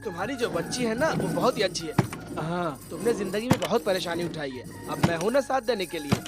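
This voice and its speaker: A sly flirtatious village elder. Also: male voice, high-pitched, animated, brisk, loud music behind the voice. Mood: sweet-talking. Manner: teasing, chatty. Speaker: older village man courting a widow. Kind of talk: Hindi film dub.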